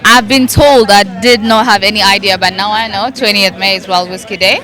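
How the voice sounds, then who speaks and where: A woman in her twenties, answering questions in a casual interview at an outdoor party, relaxed and quick to laugh. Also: medium pitch. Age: 20s. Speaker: event guest. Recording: loud party music and crowd chatter.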